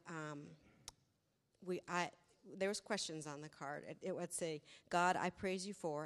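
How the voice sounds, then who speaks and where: A woman volunteer recounting a children's activity to a congregation, halting and restarting as she tells it. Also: lowish voice. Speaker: church volunteer. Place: church sanctuary. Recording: echoey church hall.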